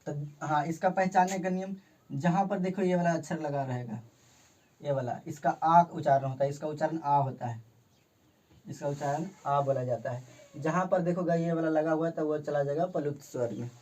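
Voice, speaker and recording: Man slowly explaining a grammar lesson. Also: on the high side, a little mellow. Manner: repetitive, restates each definition slowly. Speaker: teacher.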